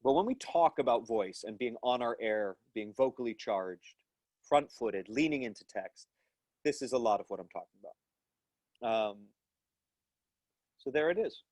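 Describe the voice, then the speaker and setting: In his thirties and teaching an online acting class from a small room at home, this man runs a live lecture and Q&A over a video call through an earphone headset mic. He speaks thoughtfully, with many restarts and fillers, gesturing with his hands as he explains. His medium-pitched, slightly mellow voice is expressive and unhurried, pausing often, in a dry recording.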